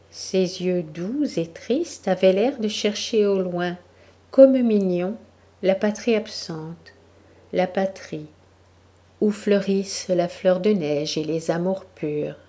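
A woman narrates a literary story in an unhurried, measured way. Her voice sits low and mellow. She lets each sentence settle before moving on. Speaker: audiobook narrator. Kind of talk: literary reading.

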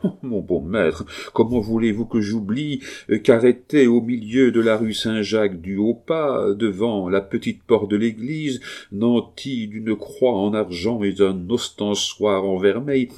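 A man's voice: fairly low pitch, measured pace, mellow. Fawning pious informer, honey-sweet and groveling, read by a man. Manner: honeyed, pleading, sanctimonious. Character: fawning sly male Jesuit informer.

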